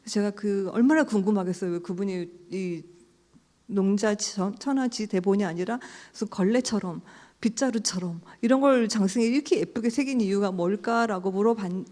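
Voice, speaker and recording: A middle-aged woman, an author, telling a story to an audience at a book talk, animated, sometimes dropping to a hush. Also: mid-range voice. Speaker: author speaking at a book concert.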